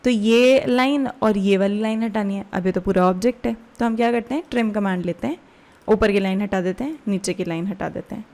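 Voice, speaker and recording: Speaking fairly quickly in a mid-range voice, a woman with an Indian accent walks through a software tutorial step by step. She explains casually as the instructor and often checks in with questions.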